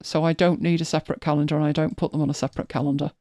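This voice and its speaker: A woman's voice: deep voice, flat delivery, very fast, warm tone, no room sound. A woman hosting a live stream, chatting casually as she walks viewers through her screen, thinking aloud and often restarting her sentences. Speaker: host.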